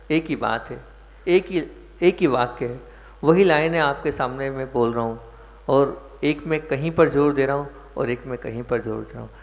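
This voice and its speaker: A man, a monk, giving a sermon, questioning his listeners and stressing key words for emphasis. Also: medium pitch. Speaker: Jain monk preacher. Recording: dull echoey hall recording.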